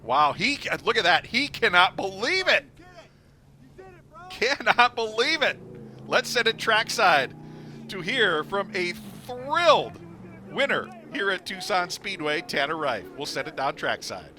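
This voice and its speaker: A man calling the finish of a race as play-by-play announcer, excited and emphatic. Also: sits high, measured pace. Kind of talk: play-by-play commentary.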